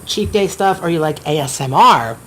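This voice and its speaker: Middle-aged woman vlogger from Florida, low-pitched voice, rambling casual chat, faint outdoor noise behind. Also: animated, moderate pace. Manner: chatty, rambling, eating between remarks. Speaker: mukbang vlogger. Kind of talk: casual chat while eating. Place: outdoors at her home. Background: faint outdoor ambience, construction noise.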